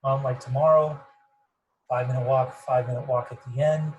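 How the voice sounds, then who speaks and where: Man, running coach on a video call; rambling, monotone delivery, muffled mic with faint background noise. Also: medium pitch, a little fast. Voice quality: muffled, fuzzy. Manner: rambling, repeats words, self-described monotone. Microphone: computer mic on video call.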